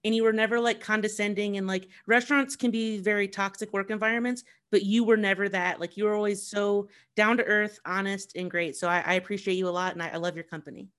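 A man's voice: high voice, fairly even intonation, quick pace, hardly any pauses, fairly bright tone, clear, resonant tone. A young adult man hosting a podcast, chatting in an enthusiastic, effusive way. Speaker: podcast host. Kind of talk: casual podcast interview.

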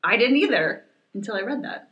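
A woman's voice: on the high side, sing-song, fairly quick, a bit bright. A woman co-hosting a travel podcast, chatting playfully and laughing often in a coworking space. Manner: giggly, playful. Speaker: podcast co-host. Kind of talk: casual podcast chat.

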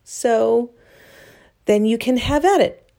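A woman's voice: fairly high pitch, expressive, slow, creaky, warm tone. Wry woman recording under a blanket. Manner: wry, self-deprecating. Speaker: blogger recording an audio blog. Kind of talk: reading own blog post aloud, then informal remarks.

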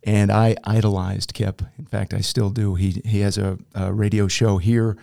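Deep-voiced middle-aged man, dry sound. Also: little pitch movement, creaky, warm tone, no room sound. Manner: measured broadcaster delivery with filler pauses. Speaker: podcast guest, TV news anchor. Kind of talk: casual interview.

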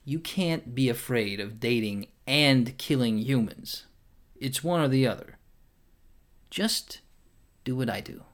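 A man's voice: mid-range voice, lively intonation, takes it slowly, pauses often. Guy acting as bossy vampire roommate, mid voice, blunt and nagging, comedy drama. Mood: bossy, exasperated. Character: bossy, callous male vampire housemate. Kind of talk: scripted comic dialogue.

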